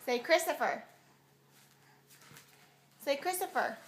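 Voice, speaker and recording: A woman's voice: high-pitched, animated, slow pace. A woman at home in a casual video, coaxing a toddler to repeat words, patiently repeating prompts and laughing often. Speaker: parent coaching a toddler.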